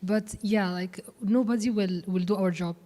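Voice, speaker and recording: A woman's voice: medium pitch, steady tone, moderate pace, dark tone. Hesitant woman in echoey hall. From Egypt. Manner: hesitant, many fillers and restarts. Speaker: panelist. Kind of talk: panel discussion. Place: expo hall panel. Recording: reverberant hall.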